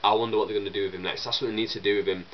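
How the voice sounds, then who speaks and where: A young man with a chesty cold rambles casually while answering viewer questions in a vlog, coughing and sniffling throughout. He talks rapid-fire in a lowish voice with fairly even intonation, chatty and full of fillers and restarts. The audio is dull, with slight background noise.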